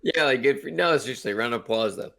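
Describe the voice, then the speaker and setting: A man in his twenties co-hosting a gaming podcast, teasing and deadpan in a laid-back way. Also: mid-range voice, fast, vocal fry. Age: 20s. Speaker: podcast co-host. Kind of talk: casual chat.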